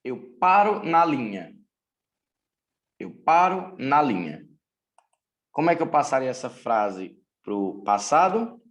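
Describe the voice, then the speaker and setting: A man from Brazil teaching English grammar in a recorded lesson, speaking deliberately and repeating key points. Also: medium pitch, very animated, fairly bright tone.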